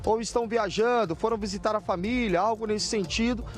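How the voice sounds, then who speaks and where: With faint music behind him, a man whose voice sits high talks briskly in a Brazilian Portuguese accent. Working as a field reporter, he covers a city street live for TV news, pointing out and describing what's around him.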